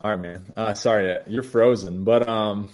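A man's voice: lowish voice, steady tone, normal speed, darkish tone. A man in his late twenties, a former college football player, chatting casually as a guest over a glitchy video call whose audio drops out and clips his word endings. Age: late 20s. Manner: loose, filler-heavy talk with many "you know"s. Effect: glitchy video-call audio with choppy, cut-off endings. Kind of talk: casual interview chat.

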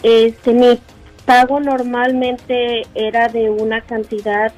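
Female caller, fairly high voice, polite and halting, casual speech with faint music behind. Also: darkish tone, dull audio. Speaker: caller to a talk show. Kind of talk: casual question to radio hosts.

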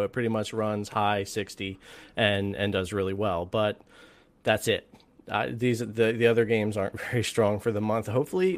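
A man on a panel sharing his views in a measured, thoughtful way with many fillers. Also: lowish voice. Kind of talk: casual panel discussion.

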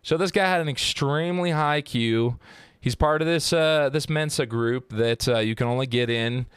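A man's voice: mid-range voice, normal speed, clean tone, no echo, studio quality. A man hosting a casual true-crime podcast, telling the story in a joking, profane and rambling way. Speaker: podcast host.

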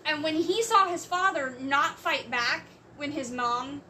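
A woman in casual conversation, explaining her views slowly and at length. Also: high-pitched, lively intonation, bright, forceful tone, recorded from a distance, a little hiss or hum. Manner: slow, measured, explains at length. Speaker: co-host discussing a court case. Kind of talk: casual chat.

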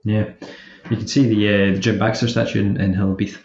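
In a roomy, slightly dull recording, a man with a lowish voice chats casually about sport. He speaks in a halting, measured way as a panellist. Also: level tone, darkish tone, slight background noise. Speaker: football podcast panellist. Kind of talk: casual football chat. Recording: roomy, slightly muffled sound.

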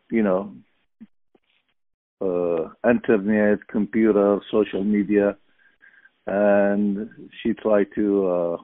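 Middle-aged man, slow and halting, dry phone-line sound. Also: fairly low pitch, no echo. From Iraq. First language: Arabic. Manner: halting, searching for words, many fillers. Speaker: podcast guest. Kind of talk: casual interview.

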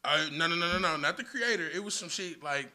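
A man guesting on a casual podcast, rambling through a long story with plenty of swearing and laughter. His voice is very bright and a touch high. He talks loosely and restarts often. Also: animated, fairly quick.

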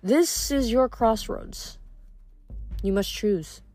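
A woman reading aloud, voicing a calm, enigmatic goddess in a storybook. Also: on the high side, soft background music, pitched above the performer's own voice. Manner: measured, quiet.

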